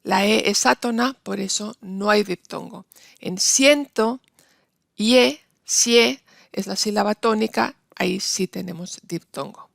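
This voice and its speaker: A woman teaching a university Spanish linguistics lecture, explaining patiently and slowing down to stress example words. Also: medium pitch, gravelly, dry recording, studio quality.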